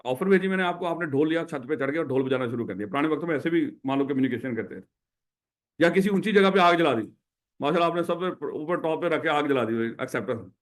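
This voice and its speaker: A man with a Pakistani Urdu accent gives a classroom law lecture in a voice pitched slightly high. He keeps quizzing his students and restating the rule, calling them his children. He slips English legal terms into his explanations. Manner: repeats key points, quizzes students with questions. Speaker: accountancy lecturer.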